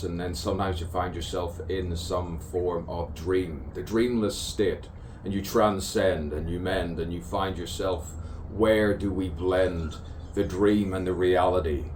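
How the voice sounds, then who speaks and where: Outdoors on an avenue, a man with a low, darkish voice improvises a spoken soliloquy as a poet, drifting through a musing, theatrical stream of consciousness. He insistently repeats phrases and toys with rhymes, caught on a distant mic with clear outdoor noise and crows and birds cawing behind him.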